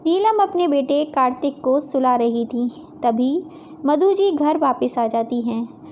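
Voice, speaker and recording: A woman narrating a family moral story in a plain, clear storytelling manner. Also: sits high, lively intonation, slow pace, a little mellow, a little hiss or hum.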